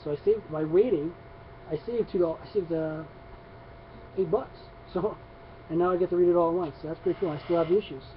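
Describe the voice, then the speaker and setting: A man talking casually on camera about his comic book pickups, rambling with many restarts and fillers. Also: a little high. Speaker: comics vlogger. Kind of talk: casual comic haul video. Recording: dull lo-fi sound with faint noise.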